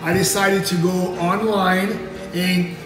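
Seated at a table in a small indoor room, a man in his forties answers fan questions on his vlog, joking playfully and gesturing expressively with his hands. His voice sits high and moves slowly. The audio is echoey from a distant mic, with music in the background.

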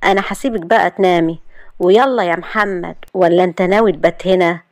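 A woman voicing a kind middle-aged mother of the house, brisk and motherly. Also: lowish voice, a little mellow, dry recording, lightly acted. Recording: dry close recording.

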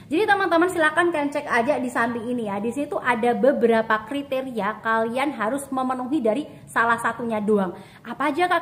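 A woman's voice: fairly high pitch, a little hiss or hum. Chatty young woman explaining with gestures. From Indonesia. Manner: chatty, animated hand gestures, asks and answers her own questions. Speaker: online-selling tutorial host. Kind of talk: casual explainer to camera. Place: indoor home studio with shelves and flowers.

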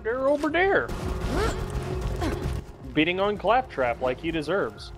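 Teasing man with a very lively voice. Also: high-pitched, takes it slowly. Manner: teasing, playful. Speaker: gamer. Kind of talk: casual let's play banter. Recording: game music behind.

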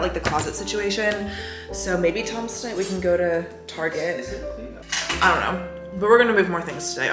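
A chatty young woman vlogs to camera, gushing and peppering her talk with fillers. Her voice sits a little low, and it rings with the roomy echo of a half-empty apartment. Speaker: lifestyle vlogger. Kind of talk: casual vlog talk to camera. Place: apartment rooms.

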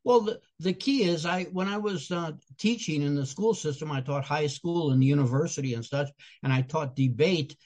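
Hardly pausing, an older guest speaker and comedian from Chicago talks through interview answers earnestly, with a Chicago accent and occasional restarts. His voice is a little high and darkish in tone, at normal speed.

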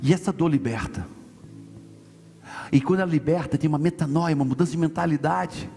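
A Brazilian pastor preaches an impassioned conference sermon in a large church hall, his voice on the high side, a little fast, creaky and dark. He's emphatic, repeats his phrases and calls on the congregation to answer, and the live recording has reverb and music.

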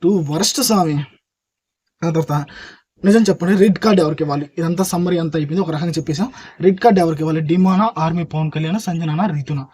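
Fast-talking husky high-voiced man. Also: dark tone. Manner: emphatic, talks straight to viewers, keeps asking "okay?". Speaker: reality show reviewer. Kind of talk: casual opinionated review.

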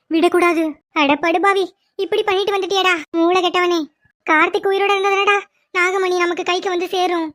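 A performer voicing a scheming, quick-tempered middle-aged mother who scolds and insults in a cartoon. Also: extremely high pitch, sharp tone. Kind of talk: cartoon voice acting.

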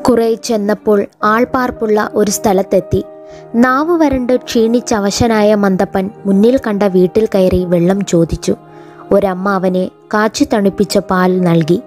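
A woman teacher reading a folk tale from a school lesson aloud in a measured storytelling way. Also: mid-range voice, a little mellow.

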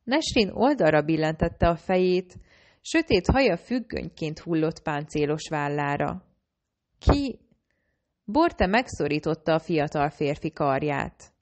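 A woman's voice: deep voice, a little mellow. A woman narrating a fantasy audiobook, reading the characters' lines in a lightly varied version of her own voice.

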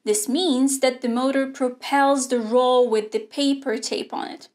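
A young woman teaches an online robotics lesson from a studio. She speaks slowly and clearly, at a slightly high pitch, and explains each part step by step. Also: fairly even intonation, a little mellow. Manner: clear, measured explaining with hand gestures. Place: indoor studio with a grey backdrop.

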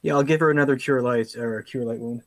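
A man's voice: medium pitch, quick pace. A man with an ordinary, mid-range voice plays a tabletop game and casually says what his character does. His voice is recorded dry, with no room echo around it. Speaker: player.

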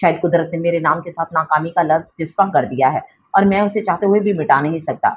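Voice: mid-range voice, muffled recording, a little hiss or hum. Audiobook narrator reading a family novel. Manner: reads all family members' dialogue in one voice. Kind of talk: scripted novel narration with character dialogue.

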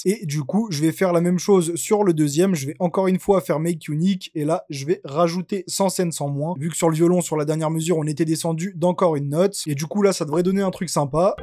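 Guy with a high mellow voice walking through a beat tutorial, calm and steady, dry close mic. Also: a little fast, few pauses, no echo. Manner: calm step-by-step explaining. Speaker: music production tutor. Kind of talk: screen-recorded software tutorial.

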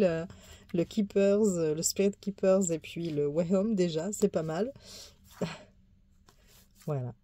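A woman's voice: medium pitch, mellow, slight background noise. A woman tarot YouTuber chatting casually as she shows and reviews her card decks, easygoing and full of small asides. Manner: chatty, easygoing, many fillers and small laughs. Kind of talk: casual show-and-tell deck review.

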